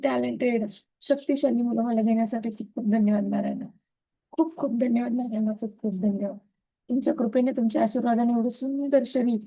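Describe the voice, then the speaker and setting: A woman's voice: a little high, mellow, dry recording, poor audio. A woman with a Marathi accent leading a devotional gratitude practice over a video call, repeating her thanks in an earnest, chanting way.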